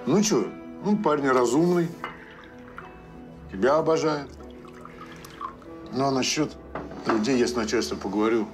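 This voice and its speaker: A man's voice: medium pitch, a little slow, pauses often, music in the background, natural voice. A middle-aged man playing an avuncular, jovial boss in a naturalistic screen drama. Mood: low, confiding.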